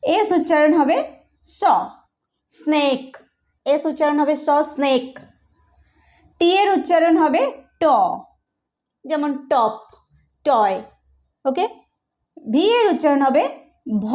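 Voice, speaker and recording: A woman with a Bengali accent who teaches English pronunciation in an online lesson. She explains slowly and repeats each sound. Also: high-pitched, a little mellow. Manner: slow, repetitive explaining.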